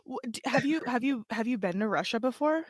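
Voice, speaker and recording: A woman's voice: on the high side, expressive, brisk. An American woman hosting a podcast in a casual, bubbly interview chat, laughing often and acting out the voices she quotes. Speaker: podcast host.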